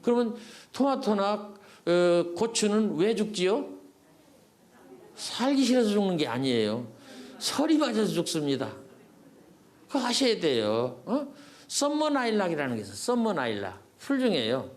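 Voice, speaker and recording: With a sing-song voice that sits high and a moderate pace, this older man from South Korea, a poet, lectures older adults in a folksy public talk. He asks the audience questions, supplies the answers himself, and repeats words to drive points home.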